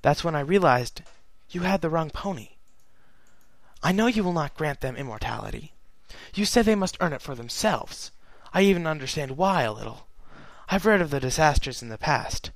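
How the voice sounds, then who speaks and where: A man's voice: on the high side, animated, moderate pace, dry recording, voice pushed up. A man voicing Princess Celestia, raised and solemn. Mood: solemn, wistful. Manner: solemn, earnest letter-reading. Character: regal, sorrowful immortal pony princess, woman. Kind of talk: fan fiction reading.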